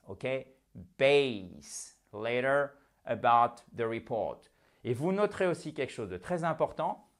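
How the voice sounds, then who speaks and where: A middle-aged man speaking French as his first language, giving an English lesson, saying example phrases slowly and checking in with "ok?". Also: medium pitch. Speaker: English teacher.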